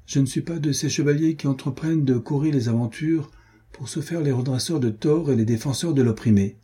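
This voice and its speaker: Scheming baron in a storybook, cool and calculating, dark husky voice, read by a man. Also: medium pitch, brisk, pitched above the performer's own voice, lightly acted.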